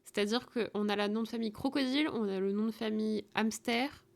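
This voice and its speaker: A woman's voice: medium pitch, a little fast, vocal fry. A woman streamer chatting playfully and teasing while she plays, sounding tired. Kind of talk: casual live-stream game chat.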